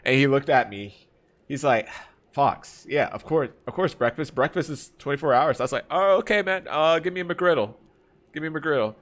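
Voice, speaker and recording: Mid-game, this streamer spins a laid-back story full of slang, dropping "bro" and "man" as he imitates what his friends said and laughs a lot. His male voice leans high and moves at a normal speed.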